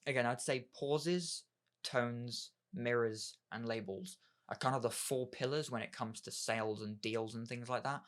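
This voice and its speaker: A man talks through communication tips in a loose, unscripted way, leaning on filler words and circling back over his points. His voice sits at a plain middle pitch for a man. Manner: rambling, leans on "obviously" and "kind of"; acts out sample dialogue in a brighter voice. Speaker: communication skills presenter. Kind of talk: casual explainer talk.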